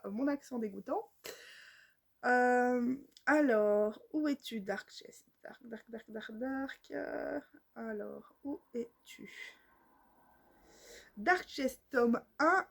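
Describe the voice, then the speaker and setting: A woman chatting casually about books on her vlog, with many fillers and restarts. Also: a little high. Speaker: book vlogger. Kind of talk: casual book chat.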